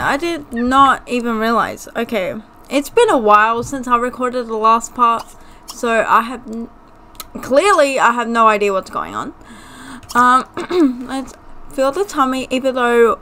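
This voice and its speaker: High, bubbly woman gaming host. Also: unhurried. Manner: chatty, excitable, giggly. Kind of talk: casual gameplay commentary. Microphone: desktop USB mic.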